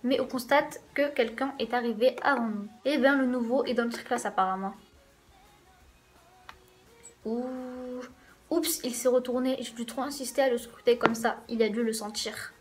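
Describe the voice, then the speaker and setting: A woman's voice: on the high side, fairly even intonation, brisk, few pauses. A woman hosting a let's play, reading a visual novel's first-person narration aloud in a casual way with wry asides.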